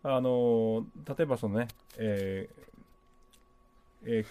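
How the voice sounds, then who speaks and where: A man's voice: medium pitch, extremely slow, dark tone, clear, resonant tone. A middle-aged man, an English teacher, patiently explaining pronunciation on a radio show, with many fillers.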